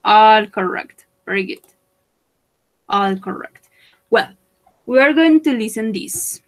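Slow, careful woman teaching English. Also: medium pitch, expressive, poor audio. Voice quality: slow, careful explaining with repetition. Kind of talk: bilingual online English lesson.

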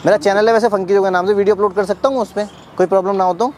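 Fast-talking young man in a park. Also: sits high, fairly even intonation, darkish tone, slight background noise. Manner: urgent, scolding, talks fast with many repeats. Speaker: YouTube creator. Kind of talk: outdoor prank-style vlog. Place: outdoor public park.

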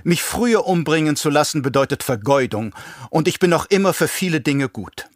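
A man's voice: fairly high pitch, expressive, a little fast, dry recording, clean studio sound, pitched above the performer's own voice, lightly acted. A man reading an audiobook and voicing a sly, mocking assassin advisor who taunts his master. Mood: taunting. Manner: smug, taunting.

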